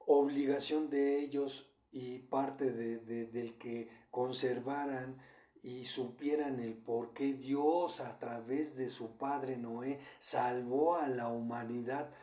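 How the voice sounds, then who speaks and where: A man giving a Bible study sermon, talking haltingly with many fillers and repeated words. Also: mid-range voice, fairly even intonation, dark tone. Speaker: Bible teacher. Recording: roomy echo.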